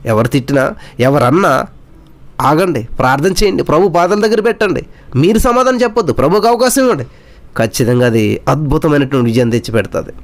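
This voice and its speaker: A man preaching a sermon with emphatic rhetorical questions, mixing English words into his speech. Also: sits high.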